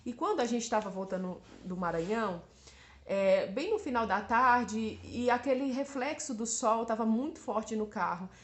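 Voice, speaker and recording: A woman's voice: on the high side, lively intonation, moderate pace. A Brazilian woman in her thirties giving a church testimony as a mother, speaking hesitantly and often appealing to her listeners. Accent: Brazilian Portuguese. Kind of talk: church testimony addressed to the congregation. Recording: roomy echo.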